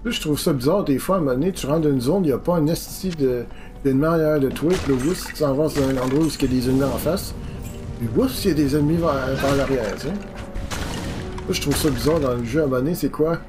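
Speaking fast in a mid-range voice, the Quebec French-accented streamer rambles informally and casually about the game he's playing. Video game music runs in the background.

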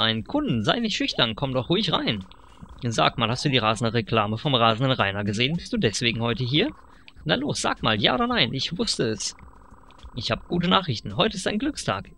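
A man voicing a sly, pushy fox furniture dealer who flatters with smooth sales patter. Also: medium pitch, slight background noise, full character voice.

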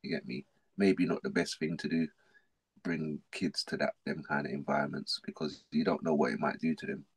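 A man's voice: rumbling low, normal speed, slightly rough. A middle-aged man from South London with a South London accent, telling his life story as a podcast guest in casual, slangy talk. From South London, England. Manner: slangy, animated, repeats himself.

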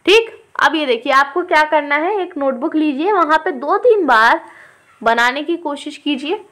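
A woman teaching an online language lesson, patiently repeating words slowly and clearly for her learners and mixing in English words. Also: sits high, expressive, a bit bright. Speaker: Urdu teacher.

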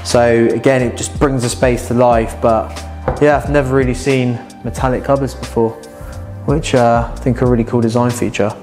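Over music, a young male host shows viewers around a large house and its garden, strolling from room to room and talking conversationally. His manner is upbeat and enthusiastic, yet his medium-pitched delivery comes out flat at a moderate pace.

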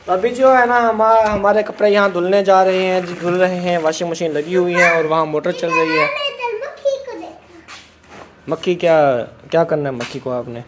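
A man's voice: high voice, fairly even intonation, background noise. A man vlogging casually, chatty as he explains building work around his house step by step. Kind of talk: casual home vlog chat.

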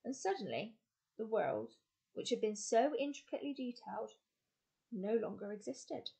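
A woman teacher reading a children's novel aloud in steady narration, now and then correcting a word. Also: fairly high pitch, normal speed, creaky. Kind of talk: storybook read-aloud.

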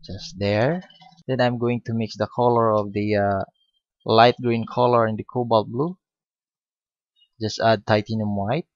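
A man giving a step-by-step painting lesson, speaking unhurriedly with many pauses and fillers. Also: on the low side, level tone, dry recording. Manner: unhurried, hesitant with frequent fillers. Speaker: painting instructor. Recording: dull lo-fi recording.

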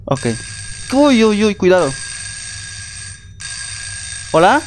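A gaming streamer plays a multiplayer horror game live, talking to viewers and teammates and jumpily shrieking and swearing whenever he's scared. His voice is on the high side, with slight background noise.

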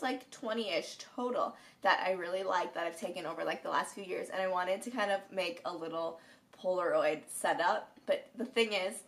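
A woman's voice: fairly low pitch, a bit bright. Chatty young woman in a morning voice. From Minnesota. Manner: chatty, rambling, giggly. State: morning voice, just woke. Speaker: vlogger. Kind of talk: casual chat to camera. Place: at home, indoors. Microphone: camera on a stand.

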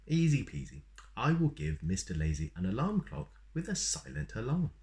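Man reading as chirpy Little Miss Birthday, lively. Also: medium pitch, normal speed, pitched above the performer's own voice. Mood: breezy. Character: Little Miss Birthday, cheerful, earnest storybook little lady.

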